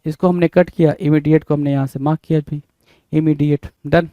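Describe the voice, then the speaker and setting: High-voiced teacher spelling words out. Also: male voice, level tone, brisk, dry recording, highs cut off. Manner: repeats questions to the listener, often adding "bhai". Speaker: English vocabulary teacher. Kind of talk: spelling lesson in Hindi, spelling words letter by letter.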